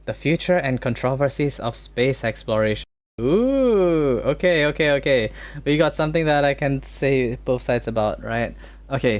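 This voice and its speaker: A man chats through a solo stream in a casual, argumentative way. He jokes, protests in disbelief and fires off quick exclamations. His voice sits at an everyday middle pitch.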